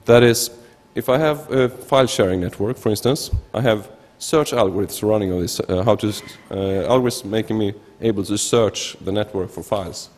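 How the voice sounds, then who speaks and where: A thirtysomething man from Sweden, voice on the low side and darkish, speaks with a Swedish accent during an informal technical conference presentation. He's halting and keeps restarting words; he stands at a lectern in a large hall with a gooseneck microphone, and the sound echoes like a lecture hall.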